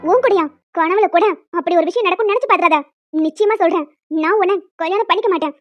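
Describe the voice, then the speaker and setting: Squeaky high cartoon girl, scared but scolding, rapid, music behind. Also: highs cut off. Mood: defiant. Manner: scolding, pleading. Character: frightened defiant young woman, employee.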